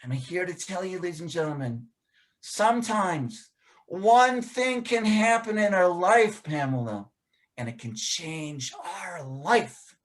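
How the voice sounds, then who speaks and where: A man's voice: high voice, animated, slow pace. A man who is a podcast guest, telling a motivational story in a preacherly way and repeating phrases for emphasis.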